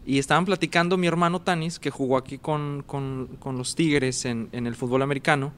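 A man's voice: medium pitch, brisk. A man, casually telling a personal story as a guest and acting out the dialogue and sounds. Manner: animated, acts out dialogue and sounds.

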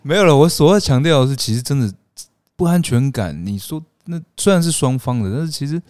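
Animated man with a Taiwanese accent. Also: mid-range voice, a little fast, no room sound. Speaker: talk show panelist. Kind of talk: casual chat.

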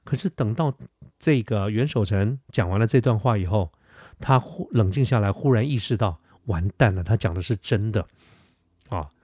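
A man's voice: lowish voice, animated, normal speed, warm tone, slightly rough, dry recording. A man retelling a legend in a casual, chatty way, talking right to the listener and speaking close into a studio microphone. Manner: chatty, uses filler particles, asides to listener. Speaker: podcast storyteller. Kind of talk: casual storytelling narration. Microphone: Shure dynamic studio mic, close.

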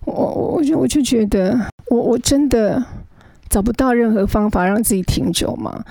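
A woman's voice: on the high side, moderate pace, gravelly, mellow, no echo. A middle-aged woman, earnestly recounting her own past as a guest and often stammering as she restarts her sentences. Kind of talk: emotional personal storytelling.

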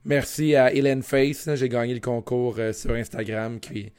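Male podcast co-host, Quebec French accent, hoarse gravelly voice, casual delivery at an average pitch. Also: steady tone, moderate pace, a little mellow. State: hoarse voice after two wrestling shows. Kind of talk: casual chat.

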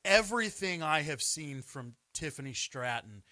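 A man's voice: a little high, expressive, moderate pace, sharp tone, no echo, studio quality. A man co-hosting a wrestling podcast, speaking with eager enthusiasm and frequent restarts. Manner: enthusiastic, hesitant restarts, earnest. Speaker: podcast co-host. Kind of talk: casual wrestling recap chat.

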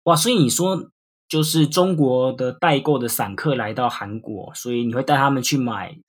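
A man's voice: mid-range voice, normal speed, slightly rough. A man hosting a podcast, asking questions in a conversational interview style.

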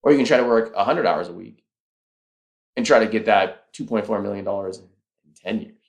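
Low-voiced man persuading on a podcast. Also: a little fast. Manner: earnest, persuasive, walks through math step by step. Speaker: podcast host. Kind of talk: casual solo podcast talk.

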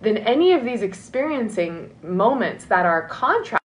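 A woman's voice: medium pitch, big pitch swings, moderate pace, slight background noise, rough recording. A woman talking as a love and dating coach in a motivational podcast monologue, earnest and encouraging, often checking in with "right?".

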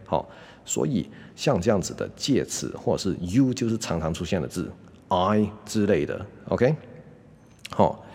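A man giving a casual English lesson, constantly checking in with a quick "OK?" and slowly sounding out example phrases. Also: deep voice, animated, darkish tone, husky, big-room sound. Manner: demonstrates English pronunciation slowly. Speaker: English teacher. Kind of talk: casual YouTube language lesson.

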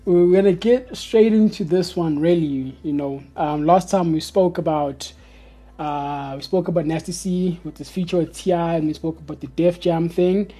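A South African man hosts a casual podcast in a soft, dark voice with a husky edge. His talk is slangy and he often circles a phrase before landing it. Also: on the high side, moderate pace. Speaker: podcast host.

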